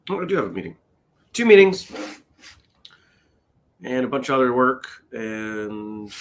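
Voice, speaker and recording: A tired man hosting a relaxed morning livestream, talking easily to his viewers. His pitch rises and falls a lot, lively and animated even while he sounds worn out. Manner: tired, chatty, reads out viewer comments. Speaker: host. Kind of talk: casual morning livestream chat.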